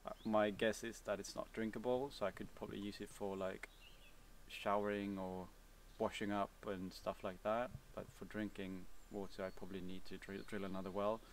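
A young man with a Swedish accent answers viewer questions outdoors in a relaxed, hesitant way, with many fillers and restarts. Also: fairly low pitch, normal speed, far from the mic, a little hiss or hum. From Sweden. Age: young adult. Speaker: vlogger. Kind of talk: casual Q&A answers. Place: outdoors, seated on a cabin bench by woods.

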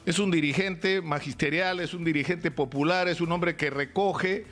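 An older Peruvian-accented man delivers forceful live commentary from a small radio studio, speaking close into a stand mic. His voice sits high for a man, and he presses his points with rhetorical questions. Faint music plays underneath. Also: normal speed. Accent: Peruvian Spanish. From Peru. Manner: emphatic, gesturing, rhetorical questions.

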